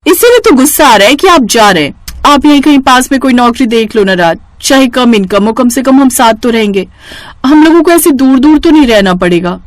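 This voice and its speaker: A sharp-tongued young wife, voiced by a woman, speaking high and lively, with strong swings in pitch. She talks insistently and impatiently, pushing her point. The recording is dry and close. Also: fairly quick, no echo. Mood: pleading, upset.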